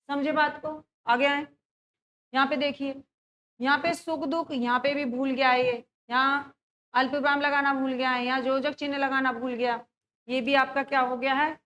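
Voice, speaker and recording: A woman with a high voice teaches an exam-prep grammar lesson. She reads the example sentences slowly and more than once, then keeps asking her students which option is right. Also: fairly bright tone. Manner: repeats example sentences slowly, asks the class questions.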